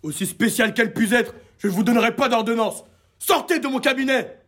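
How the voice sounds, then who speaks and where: A man voicing a fussy, cruel middle-aged dentist in a spoken storybook, gruff and scornful. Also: extremely high pitch, steady tone, fast, fairly bright tone. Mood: dismissive. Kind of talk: amateur storybook voice acting.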